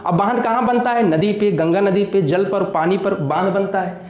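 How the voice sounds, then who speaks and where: High-voiced male teacher in an echoey room. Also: moderate pace, lo-fi sound. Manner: asks and answers his own questions, repeats key words; addresses students as children. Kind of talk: exam-prep lecture.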